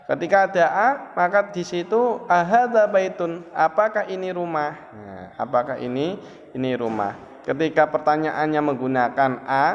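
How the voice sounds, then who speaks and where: Male teacher, slightly high voice, patient step-by-step explainer, in a roomy, dull-sounding recording. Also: moderate pace. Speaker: Arabic teacher. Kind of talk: classroom explanation with a student. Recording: roomy, dull lo-fi with faint ambience.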